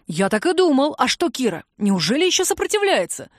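Teasing male coworker, read by a woman; lifted pitch, dry close mic. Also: big pitch swings, brisk, no room sound. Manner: teasing, mocking. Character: joking cynical young male office friend.

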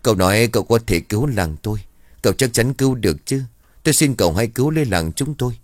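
A man's voice: medium pitch, expressive, quick pace, no echo, clean studio sound, pitched above the performer's own voice, natural voice. A man voicing an anxious elderly village chief who speaks earnestly and implores for help. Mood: imploring.

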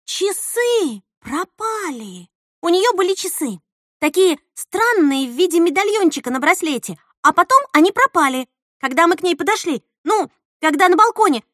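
A woman doing an excitable indignant teenage girl. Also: sits high, no room sound, studio quality, pitched above the performer's own voice. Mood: agitated. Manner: rushed, whiny, indignant.

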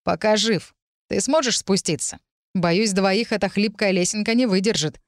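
A woman's voice: medium pitch, normal speed, no room sound, natural voice. A woman reading a playful young man who teases lightly and sounds easygoing. The reading is dry and close. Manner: playful, teasing.

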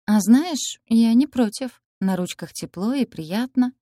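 A woman voicing a bold, impulsive young woman who turns into a cat, speaking in a lively, teasing way. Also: on the high side, measured pace, dry recording, clean studio sound, voice pushed up.

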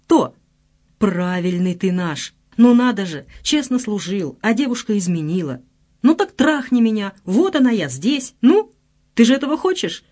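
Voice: medium pitch, expressive, slow pace, long pauses, darkish tone. An audiobook reader voicing a guilty, desperate young woman who pleads in a breaking voice. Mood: hysterical. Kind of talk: audiobook character voice.

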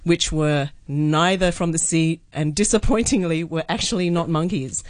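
A woman's voice: sits low, moderate pace, dry recording. A woman radio host chatting casually in the studio, with lots of fillers and frequent laughs.

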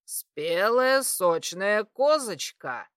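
A woman voicing a drunk, lecherous male warlock who talks in a slow, loud, leering drawl, lower than her own voice. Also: very animated, no echo, clean studio sound, exaggerated voice.

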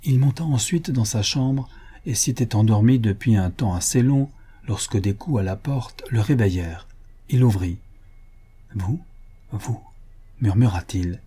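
Guy narrating an old novel, low husky voice, steady reading. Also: moderate pace. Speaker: audiobook narrator. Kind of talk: scripted narration.

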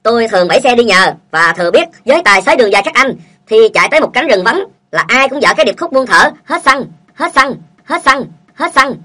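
A woman's voice: fairly high pitch, lively intonation, fast, bright, forceful tone, a little hiss or hum. A woman reading short funny stories aloud and voicing their characters. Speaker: joke reader.

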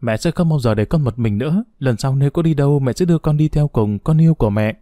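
A man's voice: medium pitch, quick pace, mellow, dry recording, clean studio sound, lightly acted. A man reading the lines of a frantic, grieving young mother in a told story. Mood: distraught.

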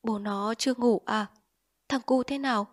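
A woman's voice: on the high side, steady tone, normal speed, no room sound, clean studio sound, lightly acted. A woman playing a tearful, anxious peasant mother. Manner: pleading, tearful questions. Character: anguished poor peasant mother, young wet nurse.

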